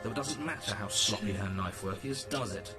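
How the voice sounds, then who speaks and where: A man voicing a grim, dry narrator in a video game, delivered in a measured, dramatic way. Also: on the low side, pushed and bright. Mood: grave. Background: game music.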